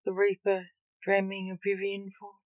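A woman narrating a story in a slow, measured storytelling voice. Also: medium pitch, completely flat delivery, no echo, dull audio. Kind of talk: story reading.

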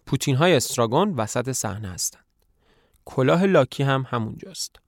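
A man's voice: medium pitch, lively intonation, no room sound, clean studio sound. Man casually reading stage directions. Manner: plain storytelling of stage directions. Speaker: reader of a play. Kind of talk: casual spoken retelling of a play script.

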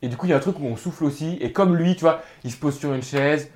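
A podcast co-host who talks fast and keeps asking the others if they follow. The tone is casual and slangy, carried by quick enthusiasm. A faint hiss sits under the voice. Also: medium pitch. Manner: animated, slangy, keeps checking in with "tu vois". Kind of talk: casual film discussion.

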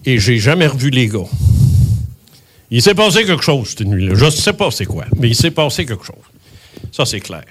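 A man in his seventies with a Québécois accent, telling a personal story in an emphatic, animated way and swearing often. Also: medium pitch, moderate pace, long pauses, husky. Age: 70s.

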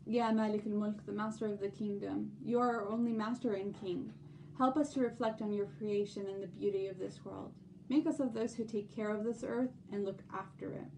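A woman hosting a religious lesson podcast, gently explaining and reading translations and prayers aloud. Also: medium pitch, distant mic, a little hiss or hum, low-quality recording. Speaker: podcast host.

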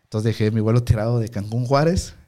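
Young mexican guy, slangy animated storyteller, mellow warm tone. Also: medium pitch, quick pace. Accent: Mexican Spanish. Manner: slangy, animated, acts out quoted voices. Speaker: guest. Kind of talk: casual storytelling chat.

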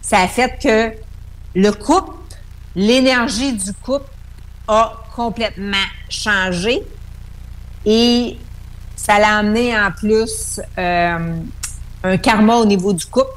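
A woman's voice: medium pitch, slow, long pauses, low-quality recording. A woman with a Québécois accent, calling in over the phone as a radio guest and explaining at length with fillers and restarts. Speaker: numerology guest.

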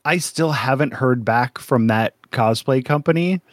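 A man's voice: mid-range voice, a little slow, dry recording, studio quality. A man co-hosting a casual podcast, rambling and joking with frequent laughs. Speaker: podcast co-host.

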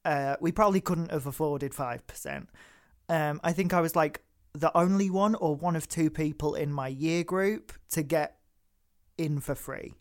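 A woman's voice: deep voice, normal speed. Sweary, chatty woman podcaster. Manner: chatty, sweary, laughs easily, lots of fillers. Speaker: podcast co-host. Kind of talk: casual political chat podcast.

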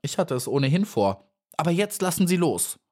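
Male narrator doing a cocky, high, lively little housefly: boastful and dismissive, squeals when scared. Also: moderate pace. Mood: huffy, chatty. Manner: cocky and dismissive, then shrill and pleading.

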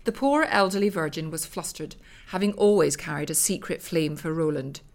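A woman narrating a comic audiobook, reading outrageous lines in a deadpan way. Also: sits low, moderate pace.

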